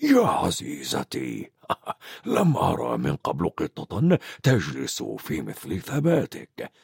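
Dumbledore, a man doing a soft-spoken old wizard. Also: a bass voice, huge pitch swings, creaky, slightly rough, no room sound, clean studio sound, voice pushed down, exaggerated voice. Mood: amused. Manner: soft, unhurried, kindly. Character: elderly male wizard headmaster, gentle and amused.

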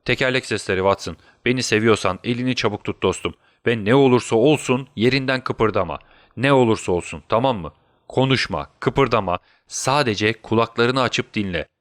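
A man's voice: mid-range voice, moderate pace, a bit bright, no room sound, clean studio sound, lightly acted. A man doing Sherlock Holmes, bedridden and feverish. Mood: urgent. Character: sick, feverish male detective, clever.

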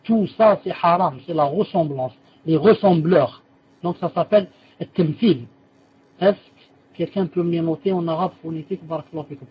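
A man's voice: fairly high pitch, moderate pace, breathy edge, muffled recording. A man teaching a religious lesson and answering students' questions, patiently repeating key terms and correcting himself as he explains.

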